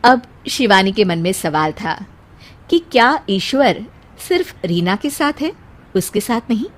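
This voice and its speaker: A woman delivering scripted storytelling narration for cartoon family moral stories. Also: medium pitch.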